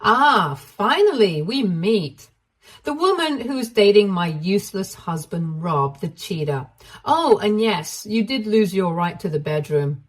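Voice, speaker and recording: A woman's voice: medium pitch, sing-song, slow pace, husky, heavily acted. A woman voicing a clever, ruthless woman who speaks sweetly but cuttingly.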